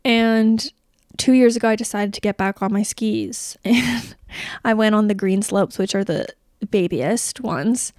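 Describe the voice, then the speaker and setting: A woman's voice: medium pitch, a little slow, darkish tone, no echo, studio quality. A young woman hosting a podcast, talking in a chatty, rambling way full of "like" fillers. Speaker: podcast host. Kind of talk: casual chat.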